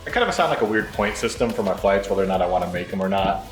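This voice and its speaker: Fast-talking American man in an echoey room. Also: low-pitched, animated. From Michigan, United States. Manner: informal, thinking aloud. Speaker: pilot video blogger. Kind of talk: casual vlog narration. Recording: roomy echo, faint music behind.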